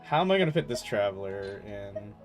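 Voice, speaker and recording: With video game music behind him, a twenty-something streamer rambles and teases as he answers viewers mid-game. His voice is on the low side, swinging widely in pitch, and his pace is brisk.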